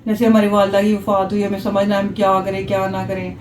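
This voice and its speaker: A woman on a family vlog who talks quickly and earnestly as she gives life advice. Her voice is mid-pitched. It sounds roomy and a little distant, with faint noise behind. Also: completely flat delivery. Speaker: family vlogger. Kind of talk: casual family chat. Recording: roomy, distant home recording.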